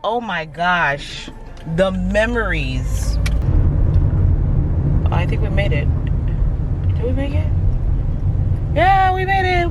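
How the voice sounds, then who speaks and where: A young woman from Miami chatting casually to the camera, talking in quick slangy bursts and dropping in Haitian Creole words. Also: mid-range voice, heavy background noise. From Miami, USA. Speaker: vlogger. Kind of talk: casual vlog chat. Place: in a car and on a city street.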